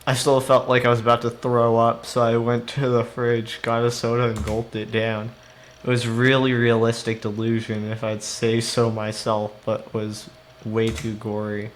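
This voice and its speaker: A man's voice: mid-range voice, monotone, normal speed, slight background noise. A man streaming a game live, reading its story text aloud and breaking off to react with swearing and laughs. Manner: reads narration then reacts with swearing and laughter.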